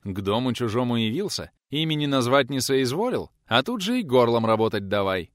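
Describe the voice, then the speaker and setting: A man voicing a gruff, sarcastic older male teacher who scolds bluntly. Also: on the low side, very animated, a little fast, fairly bright tone, dry recording, studio quality. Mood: gruff scolding.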